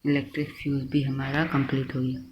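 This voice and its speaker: A man's voice: mid-range voice, monotone, brisk, slight background noise, rough recording. A man teaching a lesson, dictating notes to students word by word and correcting his own slips. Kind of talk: slow classroom lesson.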